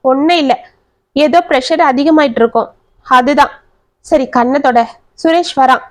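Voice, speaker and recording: A worn-out husband who keeps reassuring everyone in a low, slow, soft way, as a woman storyteller puts him on. The reading is close and dry, with the voice still fairly high. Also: dry recording, lightly acted. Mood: weary. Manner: soft, reassuring, speaks slowly. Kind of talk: storybook narration.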